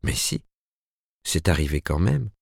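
A man's voice: low voice, very animated, a little slow, creaky, breathy edge, no room sound, studio quality, full character voice. A man reading the part of an earnest, lovestruck young woman in an audiobook, tremulous and pleading.

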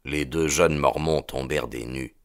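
A man reading a novel aloud as an audiobook narrator, in a measured, expressive way. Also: rumbling low, clear, resonant tone, no echo, studio quality. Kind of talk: scripted narration.

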